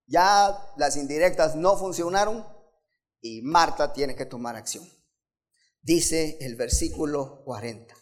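A man preaching a sermon, talking expressively and asking his listeners rhetorical questions. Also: on the high side.

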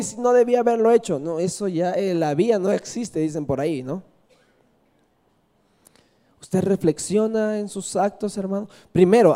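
A man's voice: high voice, dark tone. A man from Peru preaching a sermon, telling a personal story and asking the congregation questions, often adding "¿verdad?".

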